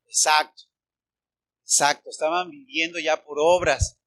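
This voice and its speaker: A man's voice: fairly high pitch, steady tone, a little slow, fairly bright tone. A man with a Mexican accent, a pastor preaching a sermon and firing rhetorical questions at his congregation.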